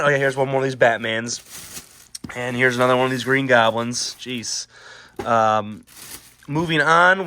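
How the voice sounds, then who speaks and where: A man's voice: mid-range voice, pushed and bright. Rambling young man showing a haul. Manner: rambling, full of ums and restarts, chatty. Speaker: vlogger showing a toy haul. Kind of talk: casual vlog chat.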